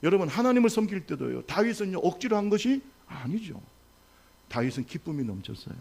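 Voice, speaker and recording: A male pastor preaching a sermon to his congregation, with call-and-response and rhetorical questions, swinging from loud exhortation to soft asides. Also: sits high, big pitch swings, fairly quick, gravelly, slightly rough. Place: church sanctuary.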